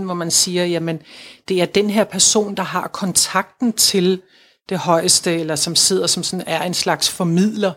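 Earnest woman coaxing spiritual talk. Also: fairly low pitch. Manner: earnest, repetitive, coaxing, acts out inner voices. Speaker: spiritual guide. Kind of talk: casual spiritual conversation.

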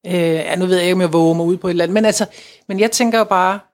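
A woman's voice: fairly low pitch, fairly even intonation. A woman talking casually about spirituality, earnest and coaxing, repeating her points and acting out inner voices. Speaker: spiritual guide.

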